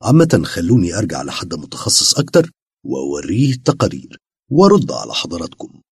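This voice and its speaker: A man voicing a serious male doctor with an Egyptian accent, husky and urgent. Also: low-pitched, huge pitch swings, fast, no room sound, studio quality, exaggerated voice. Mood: grave. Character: grave male doctor delivering bad news.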